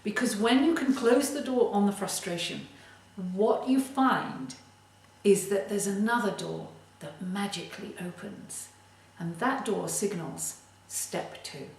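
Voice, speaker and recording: A woman giving a motivational tip as a creativity coach, speaking in a deliberate, emphatic way. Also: medium pitch, creaky. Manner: slow, deliberate, emphatic delivery. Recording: very echoey room, distant mic.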